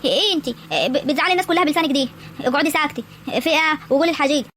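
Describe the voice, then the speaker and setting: A woman's voice: sits high, expressive, very fast, a bit bright, slight background noise. A woman voicing a stern old village grandmother in a cartoon, firmly scolding and praying. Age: older. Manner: scolding, firm.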